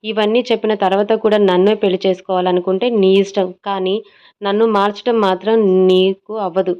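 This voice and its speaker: A woman's voice: medium pitch, level tone, brisk, lightly acted. A woman voicing a blunt, dismissive young man in a dull lo-fi audio story recording. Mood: cold. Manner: curt and dismissive.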